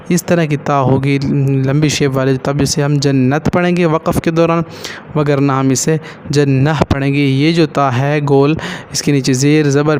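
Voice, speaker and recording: A man teaching Quran reading, spelling out each letter and vowel slowly, then explaining the rules in quick asides. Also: fairly high pitch, a little mellow, a little hiss or hum. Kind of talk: slow syllable-by-syllable recitation lesson.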